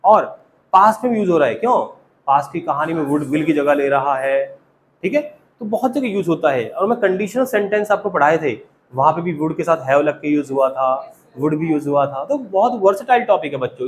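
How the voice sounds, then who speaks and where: Male classroom teacher, keeps quizzing students; high-pitched. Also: animated, fairly quick, a little hiss or hum, poor audio. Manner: quizzing students with repeated questions. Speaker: spoken English teacher. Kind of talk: classroom grammar lesson.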